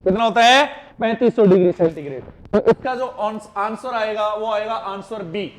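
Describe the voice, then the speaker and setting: A man's voice: high-pitched, moderate pace, a little hiss or hum. A male teacher in a live exam-prep class, quizzing students with repeated questions and jokey mnemonics, speaking with a lilt.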